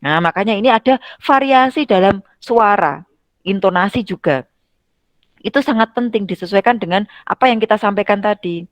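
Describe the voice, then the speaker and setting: A woman's voice: medium pitch, moderate pace, no room sound. A middle-aged woman lecturing on teaching skills in a conversational way, acting out classroom examples with changing intonation. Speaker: university lecturer.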